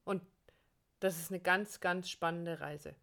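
A woman's voice: fairly low pitch, steady tone, slow pace, a bit bright. Woman, podcast co-host, coach, direct address, encouraging. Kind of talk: conversational podcast talk.

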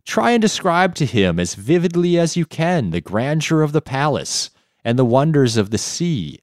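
A man's voice: fairly high pitch, big pitch swings, normal speed, a little mellow, no room sound, studio quality, voice pushed up. Man reading as a cunning palace steward, coaxing and scheming. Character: wily, scheming male chief steward.

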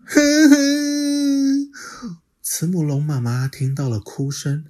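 A woman reading a children's picture book aloud as a storyteller, with expressive, measured narration. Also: extremely low pitch, husky.

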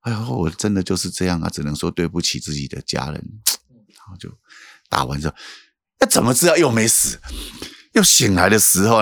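Deep-voiced Taiwanese pastor, halting testimony. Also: male voice, vocal fry, fairly bright tone, no echo. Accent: Taiwanese Mandarin. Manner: halting, repeats words, asks "you know?". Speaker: pastor guest recounting his past. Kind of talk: emotional testimony in casual interview.

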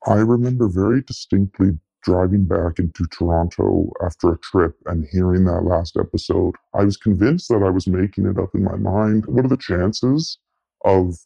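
A man's voice: gravelly, warm tone, no room sound, rough recording. A man recounting what he saw in an interview, his voice altered to disguise his identity. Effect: voice altered and pitched down to hide his identity. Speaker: listener giving a tip. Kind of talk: recalled interview recollection.

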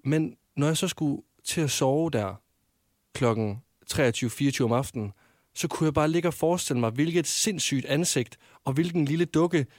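A young man co-hosting a podcast, recalling a memory in a casual, hesitant, unhurried way. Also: on the high side, darkish tone, no room sound, studio quality. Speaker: podcast co-host. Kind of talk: casual chat.

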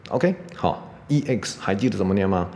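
Deep gravelly man teaching pronunciation. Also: expressive, darkish tone. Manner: explains step by step, repeats "OK" constantly, demonstrates sounds slowly. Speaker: podcast English pronunciation teacher. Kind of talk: casual spoken lesson. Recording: long reverb, faint background noise.

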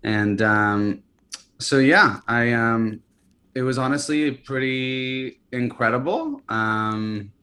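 Speaking slowly in a mid-range voice, a startup founder in his early thirties talks casually during an interview. Raised between California and Hawaii, he sounds relaxed yet hesitant, often restarting and using fillers.

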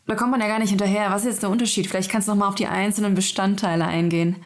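A woman's voice: medium pitch, fairly even intonation, very fast. Conversational female podcast interviewer.

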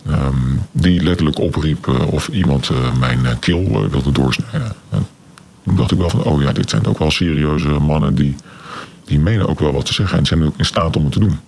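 An anonymous man in his forties speaks in a radio interview, his voice masked by a pitch-shift effect that drops it extremely low. The processed sound is gravelly and rough. He pauses often and fills the gaps with hesitant sounds, weighing each word. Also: a little mellow. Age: 40s. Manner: hesitant, many filler sounds, slow and deliberate. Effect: voice disguised with a deep pitch-shift distortion.

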